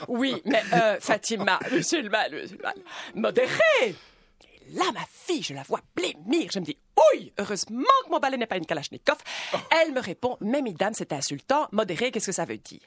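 Woman doing a husky, gossipy snob of a housewife. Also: mid-range voice, big pitch swings, moderate pace. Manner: gossipy, prim, talking into a phone. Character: snobbish chattering bourgeois housewife, middle-aged. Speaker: comedian. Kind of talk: radio comedy sketch, phone monologue. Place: radio studio.

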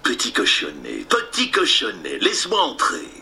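A man voicing a sly, scheming big bad wolf in a storybook reading, speaking lower and drawing out his words. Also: wildly swooping pitch, moderate pace, gravelly, pushed and bright, exaggerated voice. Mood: sly coaxing.

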